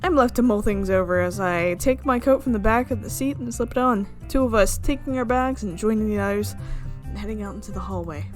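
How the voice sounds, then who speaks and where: A woman with a medium-pitched voice reads a visual novel aloud a little fast as a let's player, adding her own asides. Game music plays behind her voice.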